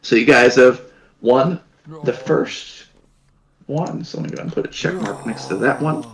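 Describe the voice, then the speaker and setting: A man's voice: mid-range voice, expressive, low-quality recording. A man narrating as dungeon master, rambling and restarting his sentences. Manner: rambling, halting, many restarts. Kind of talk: narrating a tabletop game.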